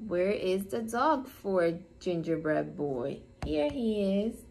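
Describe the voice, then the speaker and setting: A woman who is a preschool teacher, reading a picture book to young children in a gentle storytime voice. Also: mid-range voice, expressive, creaky, a little hiss or hum, low-quality recording. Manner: gentle, slow, sing-song storytime delivery.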